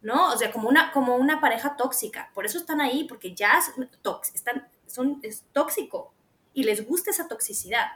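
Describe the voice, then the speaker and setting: In casual conversation as a podcast co-host, a woman with a Mexican Spanish accent animatedly recounts stories, voicing her own quotes. Her high voice moves a little fast.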